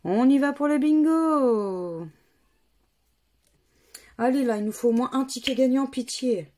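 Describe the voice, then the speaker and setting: A woman's voice: high voice, animated, unhurried, dark tone. A woman vlogger talking casually as she plays scratch games, methodically spelling out letters and numbers one by one. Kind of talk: casual commentary while playing scratch games.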